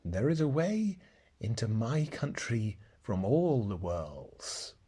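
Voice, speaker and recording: A man's voice: mid-range voice, big pitch swings, breathy edge, full character voice. A man doing a sweet, milky-voiced lamb. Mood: gentle. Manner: soft, slow, hushed.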